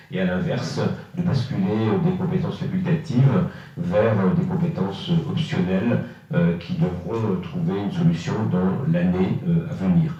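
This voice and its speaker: A councillor with a low, mellow voice presents to a municipal council, explaining things step by step but haltingly, with frequent long, drawn-out filler pauses. A distant microphone captures him in a reverberant meeting room, so the sound is muffled and heavily echoing.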